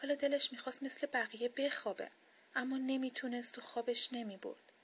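A woman reads a children's bedtime story in a soft, expressive way. Her voice is husky and sits somewhat high. The delivery is gentle.

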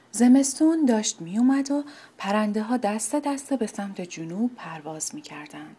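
A woman narrating a children's story in a gentle, half-whispered voice and speaking directly to the children. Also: mid-range voice, breathy edge.

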